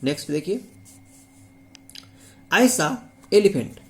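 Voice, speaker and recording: A man's voice: fairly high pitch, sing-song, extremely slow. A man teaching English grammar in a video lesson, speaking with a Hindi accent and repeating key words as he asks rhetorical questions. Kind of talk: classroom-style video lesson.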